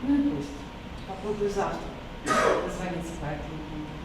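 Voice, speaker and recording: Talking quickly in a fairly low voice, a native Russian speaker introduces and reads one of her poems, her delivery emotional, halting, and full of fillers. The sound was picked up from a distance in an echoey hall, so it's noisy and reverberant.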